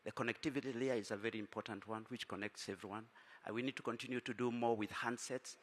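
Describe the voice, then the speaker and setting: In an echoing conference hall, a man answers as a panelist at a quick pace, his medium-pitched voice fairly even in intonation. He is businesslike yet short on sleep and tired, and his answer is dotted with fillers and restarts.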